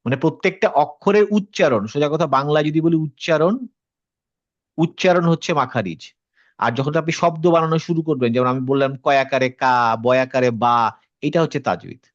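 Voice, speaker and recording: A man leads an online class with a slightly raised pitch and a patient, explaining manner. He checks often that his students understand. The sound is dry and dull, as on a lo-fi video call. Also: fairly quick, no echo. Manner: explains patiently, mixes in English words, asks students questions. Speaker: Quran tajweed teacher.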